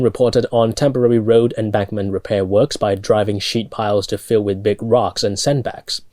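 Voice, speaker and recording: A man's voice: lowish voice, warm tone, no echo. A young man with a Burmese accent reading scripted news as a studio anchor. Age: young adult.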